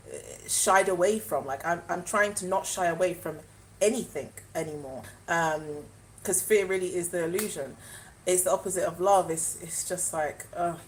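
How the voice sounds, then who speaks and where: A woman's voice: lowish voice, a little hiss or hum, low-quality recording. Chatty young woman live-streaming. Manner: chatty, rambling, reads out viewer comments. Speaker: spiritual vlogger doing a live stream. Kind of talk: casual live-stream chat to viewers.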